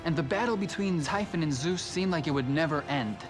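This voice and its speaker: A man's voice: fairly high pitch, fairly quick. A man giving explanatory, storytelling commentary as a documentary interviewee. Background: music.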